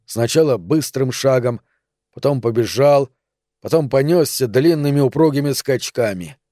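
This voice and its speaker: A man reads a literary story aloud in a measured, dramatic way, letting long pauses hang between phrases. His voice is dark and mellow, and it sounds dry and close with little room around it. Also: medium pitch, dry recording. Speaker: audiobook narrator. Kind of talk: scripted literary narration.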